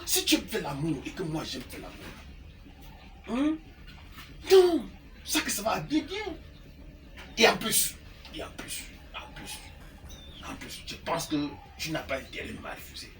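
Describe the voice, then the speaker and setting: An actor playing a lecherous, manipulative middle-aged uncle, insistent and wheedling. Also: male voice, very high voice, sharp tone, a little hiss or hum, exaggerated voice. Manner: insistent, wheedling, keeps tagging "hein?". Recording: distant mic with background music.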